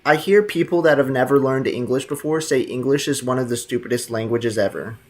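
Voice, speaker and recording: A young man with a brisk, medium-pitched voice streams a video game and banters with his audience. He reads the live chat, speaks in a relaxed, slangy way and often breaks into laughter.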